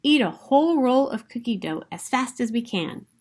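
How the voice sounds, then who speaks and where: A woman reads a children's picture book aloud, telling the story in an expressive, emphatic way. Her voice sits on the high side and she keeps a moderate pace.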